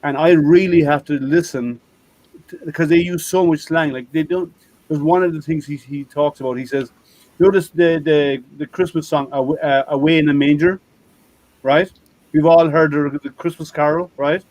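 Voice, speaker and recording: This is an Irish man hosting a casual maker hangout over a video call. His voice sits a little high for a man. He rambles and restarts his sentences, and the sound is dry and close, with no room in it. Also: steady tone, normal speed, darkish tone, no room sound, rough recording. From Ireland. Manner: chatty, rambling, self-interrupting. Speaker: host.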